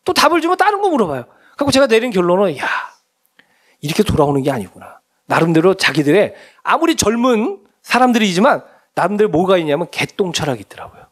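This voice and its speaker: A man's voice: sits high, fast talker, hardly any pauses. A middle-aged man preaching as a pastor, talking to the congregation in a conversational way and asking many questions. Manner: animated, conversational preaching with frequent rhetorical questions. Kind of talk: sermon.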